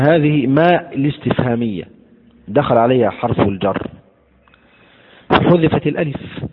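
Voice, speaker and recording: A male teacher explaining recitation rules in a slow, deliberate lecture, repeating words to show how they are pronounced. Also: mid-range voice, husky. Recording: tinny phone-like lecture recording in a hall.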